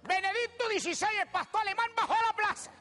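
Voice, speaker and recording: A man's voice: very high voice, lively intonation, moderate pace, exaggerated voice. A man playing a cheeky old rustic countryman with a Canarian accent, telling brash, crude stories on a TV stage. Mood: storytelling. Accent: Canarian Spanish. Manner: brash, shouting punchlines, swearing freely. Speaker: stand-up comedian. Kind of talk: character stand-up monologue. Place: TV studio stage before a live audience.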